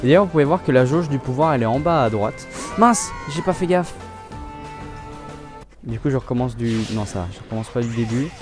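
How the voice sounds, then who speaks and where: A young man hosting a let's play, talking casually about his gameplay in a relaxed, chatty way and often restarting his sentences. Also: medium pitch, a little fast, over music.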